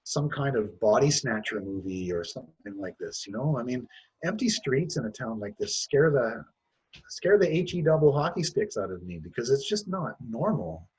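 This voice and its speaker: A man's voice: mid-range voice, very animated, normal speed, a little mellow, husky, poor audio. A Canadian man giving an interview, talking candidly with many halts and restarts. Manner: hesitant, restarts often, self-deprecating. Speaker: interview guest.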